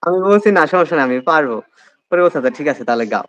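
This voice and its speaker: A man's voice: fairly high pitch, expressive, fast talker, a bit bright, lo-fi sound. A young man telling the story of his admission test in a casual interview, with a Bangladeshi Bengali accent and many hesitant fillers. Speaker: admission candidate, guest.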